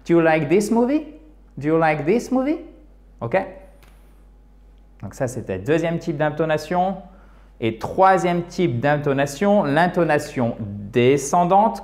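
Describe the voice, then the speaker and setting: Male english teacher, native french, fairly high voice, explanatory, checks in often. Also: darkish tone. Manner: explanatory, repeats points, frequent "d'accord" and "ok". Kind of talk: video lesson.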